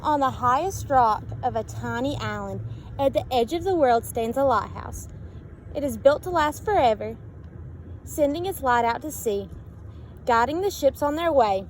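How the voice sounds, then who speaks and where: A woman reads a children's picture book in a high voice at normal speed, full of expression, sing-song repeats and questions aimed at her listeners. The recording is rough, with constant background noise.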